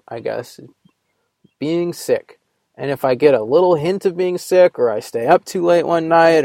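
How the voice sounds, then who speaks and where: Just getting over a cold, a Vermont podcast host delivers a rambling, sarcastic solo monologue packed with fillers. His voice sits on the high side with a darkish tone, and the recording is dry.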